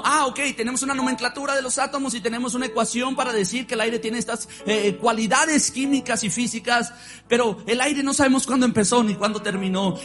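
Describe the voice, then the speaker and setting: A man preaching a sermon in church, leading the congregation in call-and-response. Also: extremely high pitch. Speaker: pastor.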